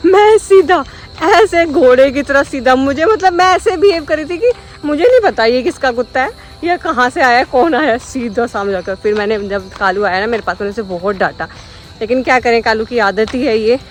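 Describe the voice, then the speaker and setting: A woman's voice: fairly high pitch, brisk. Chatty woman vlogging outdoors. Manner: chatty, baby-talks to her dogs. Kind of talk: casual vlog chat. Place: outdoors on a street walk.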